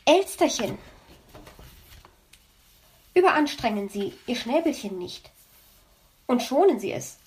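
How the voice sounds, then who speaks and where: A woman's voice: on the high side, big pitch swings, slow, long pauses, darkish tone. A woman putting on a smug, condescending male fox in a storybook, with a syrupy, mocking tone.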